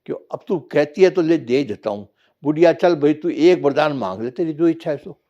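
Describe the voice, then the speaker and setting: A man voicing Lord Shiva, a calm all-knowing male deity, in a patient lecturing way in a told parable. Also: a little high, a little fast, dull audio, close to an everyday voice. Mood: explaining.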